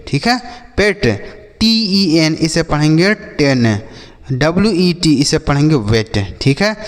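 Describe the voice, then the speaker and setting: Male teacher, Hindi accent, patient spelling drill, lingering reverb. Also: a little high. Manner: spells words out slowly, asks and answers his own questions. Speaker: English teacher. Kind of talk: classroom lesson.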